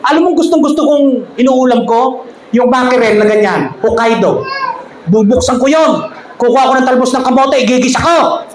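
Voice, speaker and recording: A woman preacher with a high, bright voice delivers a sermon full of jokes and easy laughter, speaking straight to her congregation. Her voice rings through a roomy church hall, with a faint hum of ambience underneath. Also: moderate pace. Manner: addresses the congregation directly. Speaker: pastor.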